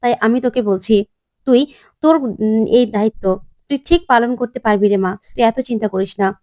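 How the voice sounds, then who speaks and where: Caring mother, soothing and firm, voiced by the storyteller, fairly high voice, dry sound. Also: brisk, dark tone, no echo, lightly acted. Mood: reassuring. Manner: soothing, encouraging.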